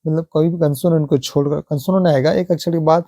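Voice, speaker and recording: A man teaching English pronunciation, repeating example words slowly and asking rhetorical questions. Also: on the high side, fairly even intonation, dark tone, no room sound. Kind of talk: slow classroom explanation.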